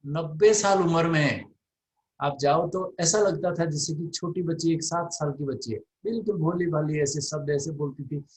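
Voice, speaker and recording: A middle-aged man giving a devotional class, telling warm stories and acting out the elders he quotes. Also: medium pitch, poor audio. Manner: animated storytelling, acts out quoted elders in soft and raised voices. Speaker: spiritual class teacher. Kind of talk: devotional storytelling talk.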